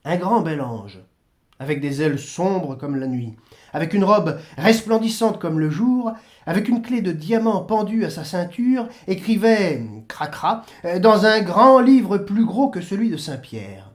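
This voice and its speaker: A man with a French accent reading a classic story aloud in an animated, theatrical way. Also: sits high, a little slow.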